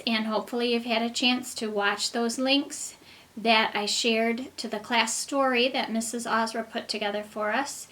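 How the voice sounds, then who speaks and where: Woman, kindergarten teacher, slightly high voice, unhurried deliberate phrasing, reading-to-a-toddler manner. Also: fairly bright tone. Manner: simple, deliberate phrasing addressed to small children. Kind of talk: children's reading lesson, as if reading to a toddler.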